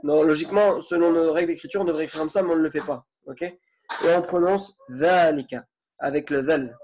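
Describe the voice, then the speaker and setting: A man's voice: fairly high pitch, steady tone, brisk, a little mellow, slight background noise. A man teaching an online Arabic grammar lesson in French, explaining patiently and checking in with his students often.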